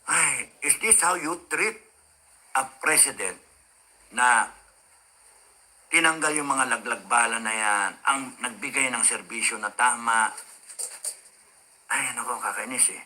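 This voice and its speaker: A man's voice: mid-range voice, takes it slowly, pauses often, sharp tone. A man ranting in a heated monologue, swearing and rambling with many fillers, like a radio commentator.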